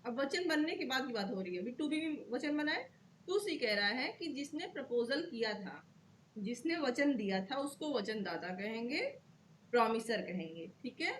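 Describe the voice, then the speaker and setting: A woman's voice: a little high, lively intonation, normal speed, a little hiss or hum. A woman teaching law to students, explaining step by step and checking in often with "okay" while repeating key terms.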